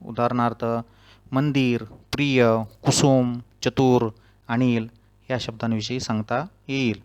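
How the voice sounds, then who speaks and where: A man teaches grammar at a slow, deliberate pace, reading out each rule and then spelling its example words. His voice is smooth and clear, and his pitch sits in the middle. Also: level tone, darkish tone. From Maharashtra. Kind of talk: Marathi grammar lesson.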